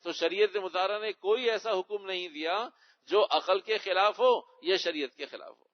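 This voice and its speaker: A man, an Islamic scholar, answering audience questions in a religious Q&A lecture, explaining rulings and repeating key words for emphasis. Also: high-pitched. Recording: dull lo-fi recording.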